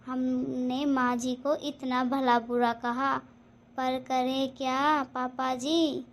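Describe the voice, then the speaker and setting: A woman voicing a bold, defiant younger daughter-in-law in an animated family drama. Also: high-pitched. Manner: bold and defiant, later apologetic.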